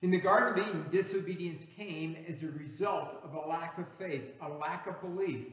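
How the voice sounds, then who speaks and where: A pastor whose first language is not English preaches an earnest sermon, building emphasis on key words. His voice is on the high side and fairly bright, at normal speed, and it echoes around a reverberant hall.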